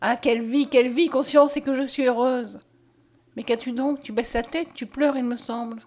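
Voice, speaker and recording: A woman's voice: high voice, steady tone, moderate pace, a little mellow. Woman voicing joyful young peasant girl Mariette. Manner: fervent, tender. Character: hopeful young peasant girl, tender and devout.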